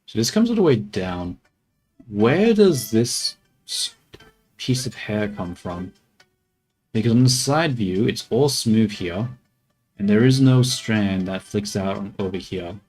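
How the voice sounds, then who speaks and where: A man with a lowish, somewhat dark voice chats casually on a live stream. He's working on a 3D character model, cracking jokes and muttering to his audience and himself.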